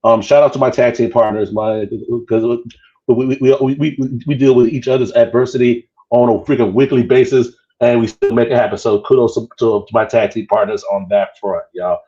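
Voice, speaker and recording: A man's voice: medium pitch, steady tone, brisk, dark tone, muffled recording. A man hosting a casual podcast chat from a cruise ship, stammering and repeating his words. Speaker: podcast host.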